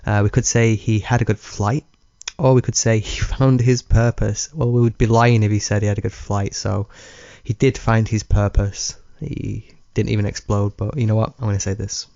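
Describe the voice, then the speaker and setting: Low gravelly guy chatting through a game, laid back and chuckly, dull lo-fi dry mic. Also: moderate pace, no room sound. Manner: relaxed, rambling, chuckles often. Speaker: let's play gamer. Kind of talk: casual gameplay commentary.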